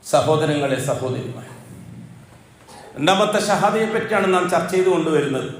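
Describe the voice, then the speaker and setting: A man with a Kerala Malayalam accent delivering a Friday sermon in a mosque, chanting Arabic verses slowly and then explaining them with force. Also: animated, a little hiss or hum. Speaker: preacher giving a Friday sermon. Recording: booming echo of a mosque hall.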